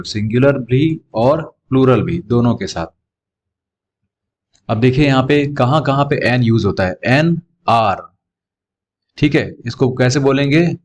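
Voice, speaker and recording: This is a man teaching a grammar lesson. He talks at an unhurried, deliberate pace, and his voice sits at an ordinary middle pitch. He drills each word and sound over and over, asking questions and answering them himself. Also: a little mellow. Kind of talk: classroom lesson explaining grammar.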